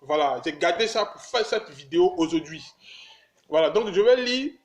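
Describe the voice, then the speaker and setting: A man's voice: fairly high pitch, expressive, moderate pace. A man hosting his own channel, talking casually and emphatically to his viewers, repeating himself and calling them his brothers. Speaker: channel host. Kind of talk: casual direct-to-camera vlog. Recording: echoey room.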